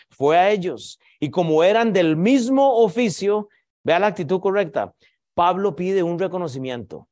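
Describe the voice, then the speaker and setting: A man preaching a sermon, lively and direct, with joking asides to the congregation. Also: sits high.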